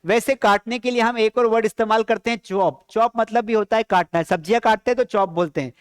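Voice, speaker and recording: A man teaching spoken English in a live-streamed lesson. He drills sentences, keeps asking the students questions, and slows down to spell out the English phrases. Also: high-pitched, smooth, no echo, studio quality.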